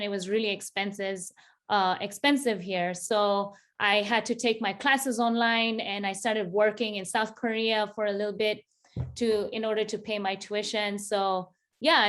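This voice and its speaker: Kenyan-born woman in her thirties, casual interview guest, easygoing, laughs a lot. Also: mid-range voice. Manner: relaxed, laughs often, many fillers. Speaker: interview guest, business founder.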